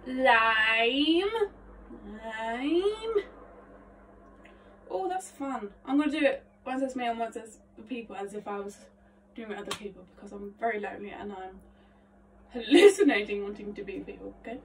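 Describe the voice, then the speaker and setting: A young woman vlogging her vocal warmup, chatty, rambling and self-mocking, her voice slightly phlegmy. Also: mid-range voice, fast, a little hiss or hum. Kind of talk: casual vocal warmup vlog. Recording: voice a bit distant from mic.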